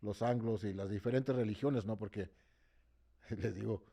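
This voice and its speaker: In an impassioned interview, a man who organized a march speaks with feeling, his voice lowish, gravelly and dark, his tone steady and his pace moderate. He often repeats words while hunting for the next phrase, checks in with the listener, and switches between English and Spanish.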